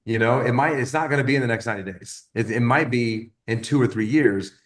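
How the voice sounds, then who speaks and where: A man in his fifties giving casual motivational coaching, rambling and often repeating words as he tells lively stories. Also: medium pitch, brisk. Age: 50s. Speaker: wellness business coach.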